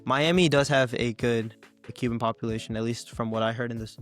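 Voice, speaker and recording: Rambling, slangy young-sounding host from Memphis. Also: male voice, mid-range voice, fairly even intonation, a little fast, soft background music. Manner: rambling, slangy, many restarts. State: hoarse, cough. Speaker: podcast host. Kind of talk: casual interview chat.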